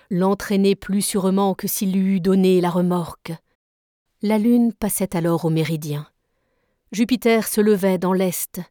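A woman reading a classic novel aloud in a measured, even narration. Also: medium pitch, no echo, clean studio sound. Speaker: reader. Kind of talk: literary read-aloud.

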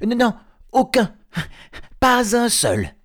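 A little male hobbit, stammering in a high, trembling voice, as a man acts him out. His words come out shaky and rushed, with a husky edge. He is plainly out of his depth in a storybook scene. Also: wildly swooping pitch, a bit bright, heavily acted. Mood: frightened. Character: small frightened male hobbit. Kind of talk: storybook reading.

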